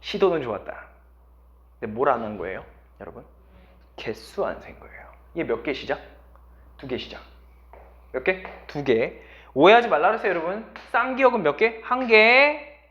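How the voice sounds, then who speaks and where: Male language teacher, high and animated, quizzes the class nonstop, dull lo-fi audio. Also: moderate pace, pauses often. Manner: lively, constantly quizzing students. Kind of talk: classroom lecture.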